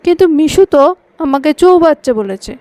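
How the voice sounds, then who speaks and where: A woman's voice: high-pitched, lively intonation, dark tone, no echo, pitched above the performer's own voice. A woman voicing a stubborn, cheeky little boy in a Bengali audio story, talking back petulantly. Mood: sulky. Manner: petulant, quick to talk back.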